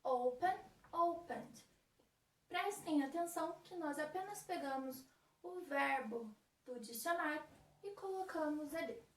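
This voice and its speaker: Woman teacher, high voice, patient explainer, recorded in a roomy space away from the mic. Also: lively intonation, a little slow, a bit bright. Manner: patient, explains rules step by step with checking questions. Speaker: English teacher. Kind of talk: recorded remote lesson for high-school students. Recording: echoey room, far from the mic.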